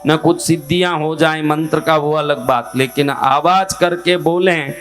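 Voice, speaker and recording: Male spiritual teacher, unhurried lecturing pace, slightly raised pitch, asks the listeners questions and answers them himself. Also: fairly even intonation, fairly bright tone, soft background music. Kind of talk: devotional teaching talk.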